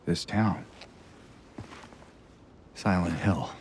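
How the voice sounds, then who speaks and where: A man mock-dubbing a game cutscene in a low, gravelly voice as a weary, earnest grown man. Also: extremely slow, a little mellow, slight background noise.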